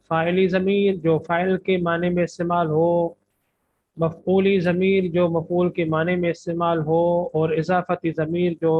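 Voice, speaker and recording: High-voiced Urdu-accented man teaching, tinny audio. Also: slight background noise. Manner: methodical, drills word lists slowly with translations. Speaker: Arabic grammar teacher. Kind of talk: recorded classroom lecture.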